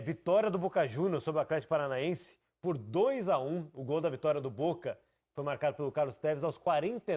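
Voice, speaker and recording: TV sports presenter, male, fairly high voice, lively explanatory studio delivery. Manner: explanatory, lively, points at on-screen graphics.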